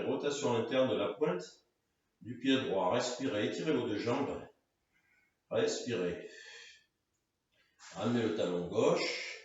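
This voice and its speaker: A man leading a guided floor-exercise session, giving calm, directive cues in short phrases. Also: mid-range voice. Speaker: karate and fitness instructor. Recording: echoey room, distant mic, dull sound.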